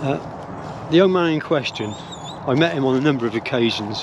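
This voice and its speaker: Walking his dogs on a woodland trail, an older English vlogger muses aloud, hesitating, restarting, and filling gaps as he rambles through his views. He speaks at normal speed with a medium pitch and lively intonation. The close phone or camera recording, held at arm's length, cuts off the highs and picks up background noise.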